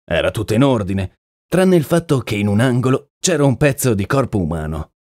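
A man's voice: mid-range voice, big pitch swings, fairly quick, darkish tone, dry recording, studio quality. A man voicing an earnest, uneasy male horse trainer in an audiobook, talking plainly and deferentially. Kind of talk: audiobook character reading.

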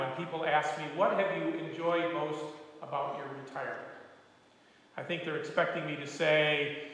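Older man, retired pastor, gentle sermon stories, slightly high voice, very echoey sanctuary. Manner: gentle, folksy storytelling with humor. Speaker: guest preacher, retired pastor. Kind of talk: sermon with storytelling. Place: church sanctuary. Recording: echoey church hall.

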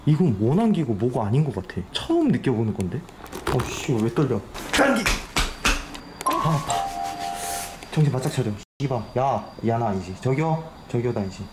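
A man hosting a ghost hunting vlog in an abandoned two-story house, excitable and jumpy, calling out to spirits aloud. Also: mid-range voice, normal speed. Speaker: ghost hunting channel host. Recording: echoey empty house with loud noise.

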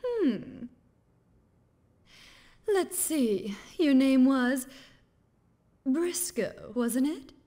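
An imperious, sultry news chief in a video game. She drawls each line slowly and condescendingly, her tone rising and falling a lot. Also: high-pitched, big pitch swings, warm tone, full character voice. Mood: haughty. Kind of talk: game voice acting.

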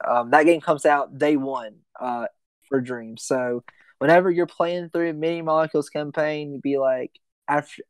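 A man's voice: mid-range voice, no echo. A young man hosting a casual gaming podcast, rambling with lots of ums and restarts. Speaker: podcast host.

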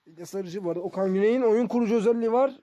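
High-voiced man casually commentating a game. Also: very fast, warm tone, no echo, muffled recording. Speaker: gaming streamer.

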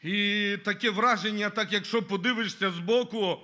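A man's voice: sits high, moderate pace, bright, forceful tone. A man giving his testimony at a church service, earnestly reading scripture and often calling the listeners brothers and sisters.

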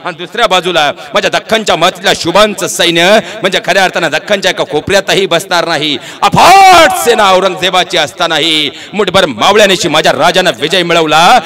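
A male orator telling a story in an impassioned, declamatory way. His voice is high and bright, with a forceful edge.

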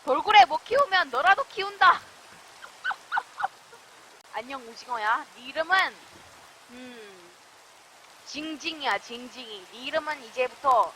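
Brief: excitable woman game host, very high voice, shrieky, over clear background noise. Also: moderate pace. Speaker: gaming video host. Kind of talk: excited let's-play commentary.

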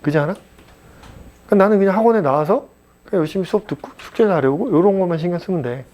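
A man teaching a math class at a cram school, blunt and chatty, joking and mock-scolding his students and checking in with quick questions. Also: high voice, darkish tone. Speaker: math tutor.

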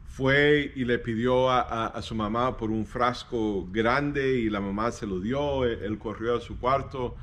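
A man, a pastor telling a devotional story, halting and repeating words and slipping into English phrases. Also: mid-range voice, a bit bright, slight background noise.

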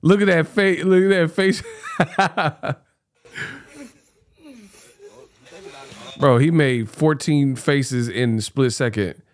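Extremely slow with long pauses, a thirty-something reaction channel host speaks in a slightly high, expressive voice. Indoors in his small home studio, close to a mic on a stand, he teases colloquially and often repeats himself.

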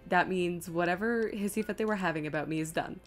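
With a fairly low pitch and a fast pace, a woman gives live gameplay commentary that's casual and self-deprecating. She rambles, thinks out loud, and reads chat aloud as she plays.

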